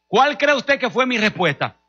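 A man's voice: very high voice, big pitch swings, moderate pace, bright, forceful tone, breathy edge, muffled recording, soft background music. A middle-aged man with a Dominican accent, preaching a sermon with humor and telling stories straight to the congregation. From Dominican Republic. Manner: humorous, storytelling, addressing the congregation directly. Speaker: pastor.

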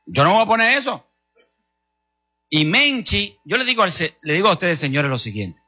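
A middle-aged man from the Dominican Republic preaches in a Dominican accent, his voice pitched high with a very sharp, forceful punch. A husky grain runs through his delivery. He tells humorous stories and speaks straight to his congregation. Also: big pitch swings, normal speed, soft background music. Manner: humorous, storytelling, addressing the congregation directly. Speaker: pastor. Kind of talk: sermon.

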